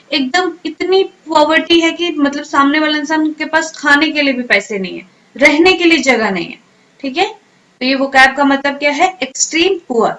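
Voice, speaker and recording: A woman teaching English vocabulary in a drill lesson, asking each question and then answering it, and sounding words out slowly syllable by syllable. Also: high voice, a bit bright, poor audio. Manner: repeats questions and answers, slow drilled pronunciation.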